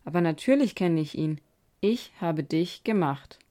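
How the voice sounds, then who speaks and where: A woman's voice: fairly low pitch, animated, a little slow, warm tone. A woman voicing a big, kind bearded woodcarver who speaks firmly and emphatically in a storybook. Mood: gentle.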